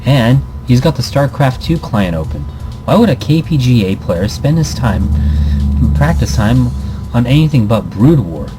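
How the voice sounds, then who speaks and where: A male let's player reads a visual novel aloud over music at normal speed, his medium-pitched voice sing-song. His commentary is casual and rambling, full of self-interruptions and playful asides, and background noise runs behind him.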